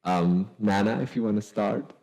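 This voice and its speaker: A man's voice: on the low side, moderate pace, gravelly, a little mellow, rough recording. A man moderating a conference panel, passing questions to the speakers with light jokes in between.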